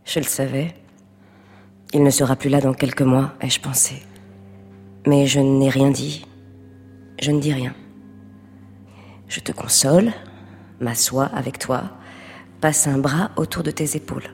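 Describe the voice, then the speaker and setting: A woman's voice: extremely low pitch, fairly even intonation, measured pace, pauses often, a little mellow, long reverb tail, a little hiss or hum. An actress playing a guarded married woman who speaks in a controlled, reserved way, in a stage play. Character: guarded married woman, cool and self-protective.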